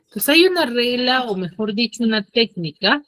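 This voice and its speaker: A woman's voice: on the high side, expressive, fairly bright tone, dry recording. Woman teaching an online class. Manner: checks understanding with frequent "ya?" and "sí?"; slows down to stress key rules.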